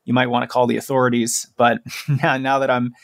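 Man, late thirties, podcast host, relaxed joking chat, middle pitch, dry close mic. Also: fairly quick, no room sound. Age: 30s. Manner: relaxed, joking, frequent fillers.

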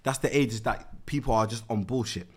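A man's voice: medium pitch, moderate pace, a little mellow, breathy edge. A man in his twenties with a London roadman accent, chatting and telling stories in heavy street slang. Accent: London, urban street (roadman) style. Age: 20s. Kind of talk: casual slang-heavy banter and storytelling.

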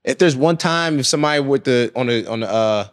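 A young man, a pro basketball player as guest, telling lively stories in slangy casual chat and acting out what people said. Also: mid-range voice, fairly quick. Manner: slangy, animated, acts out quotes, laughs often.

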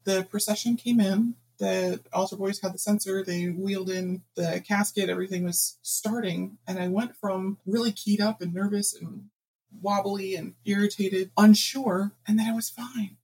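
A woman guest author telling anecdotes in a casual interview, animated and laughing often. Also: mid-range voice, moderate pace, slightly rough, rough recording.

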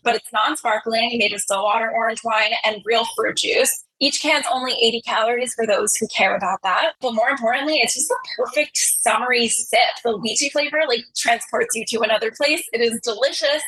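A woman's voice: a little high, fairly quick, hardly any pauses, bright, forceful tone, slightly rough, rough recording. A woman presenting at a live awards ceremony in an upbeat, enthusiastic way.

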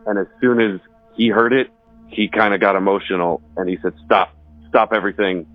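There's no room sound, just soft background music, as a Texan homeowner and musician recalls a ghost story at his house in the woods. His voice is lowish and brisk, and he rambles, restarting sentences; the sound is dry and thin, phone-like.

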